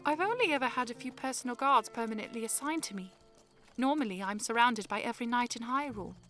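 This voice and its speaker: Young princess, played by a woman: higher-pitched, polite and earnest, formal phrasing, audio drama with music underneath. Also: lively intonation, fast talker, a bit bright. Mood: lightly playful. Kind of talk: fan audio drama acting.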